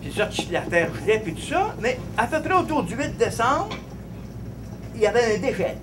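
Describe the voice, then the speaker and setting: A man from Abitibi tells a childhood story in a Quebec French accent. His high voice swoops up and down, and he laughs and restarts as he rambles. A noisy background is clearly heard. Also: very animated, moderate pace. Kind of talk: personal anecdote told live.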